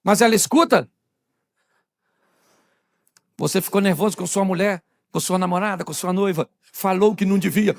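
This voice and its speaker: A man's voice: high voice, moderate pace, gravelly, long pauses, no room sound, studio quality. A male pastor from Brazil giving a humorous sermon in a church, talking straight to the congregation and acting out little scenes.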